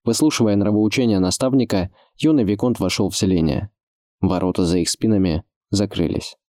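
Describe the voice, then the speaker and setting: A man giving measured, scripted audiobook narration. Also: on the low side, mellow, no echo, studio quality.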